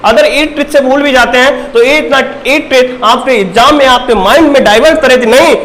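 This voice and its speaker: A man's voice: extremely high pitch, moderate pace, fairly bright tone, slight background noise. A male teacher giving an exam-prep grammar lesson, asking questions and repeating the answers to drill them in.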